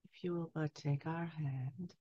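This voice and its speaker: A woman in her sixties speaking as a trance medium, solemnly delivering a spiritual message in measured phrases with long pauses. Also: low-pitched, steady tone, dark tone, slightly rough, no room sound. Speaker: trance channeler. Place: small candlelit room indoors. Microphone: headset boom mic. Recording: dull, lo-fi headset sound.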